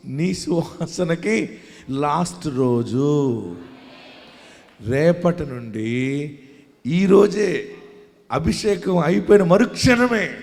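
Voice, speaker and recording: A man preaching a sermon as pastor, swinging from quiet talk to loud shouting and calling on the congregation to shout hallelujah. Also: on the high side. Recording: long hall reverb.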